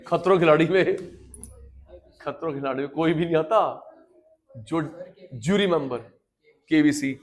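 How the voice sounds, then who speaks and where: A man teaching a class, telling stories to his students and then lecturing loudly and with emphasis. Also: a little high, unhurried, long pauses. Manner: animated, addresses students directly, swings from quiet storytelling to loud emphasis.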